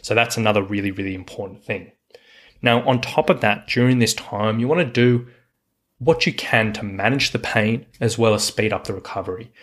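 A man's voice: fairly low pitch, normal speed, fairly bright tone. A man hosting a solo coaching podcast, talking in an earnest, reassuring way and repeating words for emphasis. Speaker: podcast host, hiking coach.

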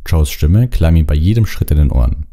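Man, audiobook narrator, deep voice, very dark tone, expressive, occasional restarts. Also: fairly quick. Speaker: audiobook reader.

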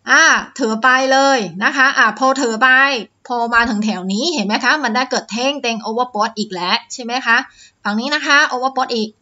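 A woman with a highish, pushed, bright voice, recorded in lo-fi quality. She explains a stock chart on screen share in careful steps, her speech full of "อ่า" fillers and courteous "นะคะ" tags.

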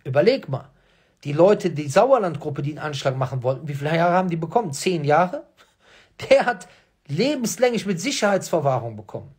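A man with a high, husky voice and a lively, swooping pitch speaks straight to his viewers as the host of his own channel. He argues insistently, firing off rhetorical questions and hammering home his points by repeating them. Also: brisk. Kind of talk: emphatic monologue addressing viewers.

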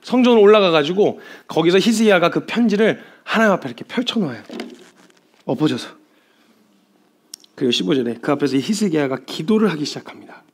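A young man preaching a sermon as a missionary, emotional and shifting from loud pleading to hushed tones. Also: fairly high pitch, expressive, brisk.

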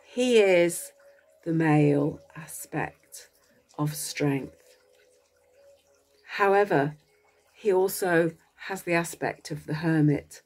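With a deep voice, a woman acting as a coach guides a meditation, speaking gently in short phrases separated by long pauses.

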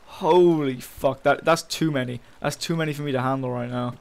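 A man's voice: mid-range voice, steady tone, fast talker, gravelly. A young man giving casual, frustrated commentary while playing a game, swearing often and talking to his viewers. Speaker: gaming channel host.

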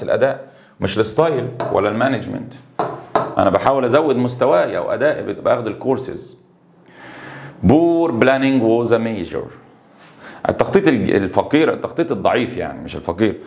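A man with an Egyptian Arabic accent teaching an English exam-prep lesson. He reads English words slowly, explains them quickly in Arabic and stresses key words. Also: mid-range voice, creaky, darkish tone.

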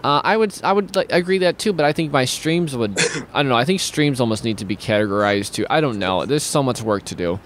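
A man's voice: medium pitch, lively intonation, brisk, few pauses, a bit bright, a little hiss or hum. A young man hosting a casual talk stream from a small home studio on a headset and studio mic, rambling with many restarts as he reads viewer comments. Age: young adult. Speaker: host of a streaming talk show. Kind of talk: casual video-call chat. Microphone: studio mic with headphones.

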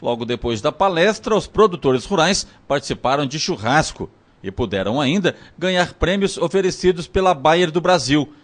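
A man's voice: fairly high pitch, lively intonation, moderate pace. A man narrating a local news report in a formal reporting tone.

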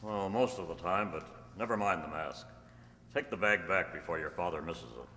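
Sitting low in pitch and moving at a moderate pace, a man's pushed, bright voice brings a kindly, commanding masked cowboy hero to life in an old-time radio western. His delivery is calm, declarative, and reassuring, picked up by a stand microphone in an echoey hall stage recording with slight background noise.

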